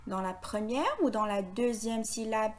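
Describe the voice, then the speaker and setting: A woman teaching young children to read, sounding out words syllable by syllable and praising their answers. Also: a little high. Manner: slow, deliberate, syllable by syllable. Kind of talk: phonics lesson for young children.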